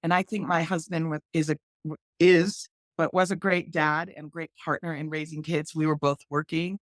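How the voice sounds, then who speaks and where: A woman's voice: low-pitched, moderate pace, no echo, clean studio sound. A woman in her sixties, a family lawyer and podcast guest, chatting casually and telling stories with acted-out voices. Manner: lively storyteller who acts out quoted voices. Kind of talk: casual conversation.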